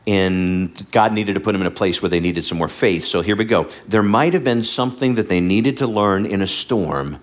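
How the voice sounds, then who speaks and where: A male pastor delivering a lively sermon, sometimes acting out the lines he quotes. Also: fairly low pitch, moderate pace, hardly any pauses. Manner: animated, acts out voices and quotes. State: bad back.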